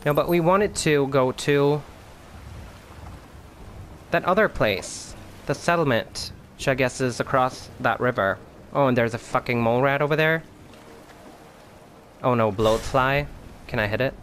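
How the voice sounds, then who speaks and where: A man's voice: medium pitch, unhurried, pauses often, a bit bright, slight background noise. A man casually commenting on his video game play, chatty and swearing freely. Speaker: let's play gamer. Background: game music.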